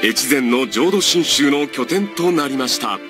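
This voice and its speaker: A man's voice: medium pitch, expressive, measured pace. A man narrating a travel show voice-over, with wry, teasing comments on the hosts. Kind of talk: scripted TV narration. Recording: voice-over over music.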